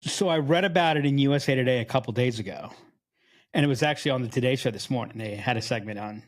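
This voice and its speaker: A man's voice: medium pitch, quick pace. A man co-hosting a podcast in casual chat, blunt and joking, teasing his co-host.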